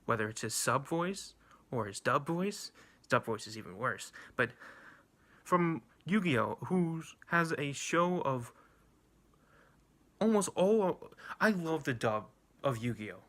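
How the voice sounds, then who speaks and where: A man's voice: fairly high pitch, big pitch swings, a little slow, a bit bright. A young man rambling bluntly and profanely through an anime ranking, with many restarts and fillers. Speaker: anime reviewer. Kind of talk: casual ranking rant.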